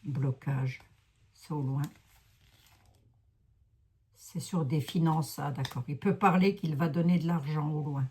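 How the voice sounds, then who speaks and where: A psychic card reader with a Lorraine French accent chats with viewers during a casual tarot livestream, poking fun at herself. Her low-pitched, mellow voice holds a steady tone, moving slowly with long pauses, and a little hiss or hum sits underneath.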